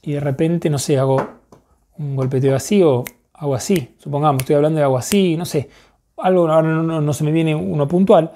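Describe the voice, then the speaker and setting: Male instructor, warm low-key tone, unhurried explainer who keeps asking "right?". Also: slight background noise. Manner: relaxed, thinks aloud, checks in with frequent "right?". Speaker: therapy and coaching instructor. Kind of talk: explanatory teaching talk.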